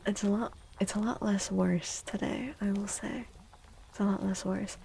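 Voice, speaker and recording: A woman hosts an ASMR livestream, speaking softly and gently with a breathy voice that often drops into a whisper. She goes slowly and draws her words out in a mid-range voice. The audio is poor, with a little hiss or hum.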